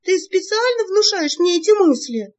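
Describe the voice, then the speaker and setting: Woman doing a shrill, excitable young witch. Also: normal speed. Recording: dull lo-fi recording.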